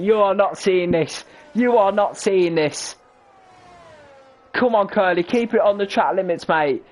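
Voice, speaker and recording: A young man giving excitable, breathless live play-by-play for a sim-racing stream, his voice prone to cracking. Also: on the high side, slight background noise, poor audio. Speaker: race commentator.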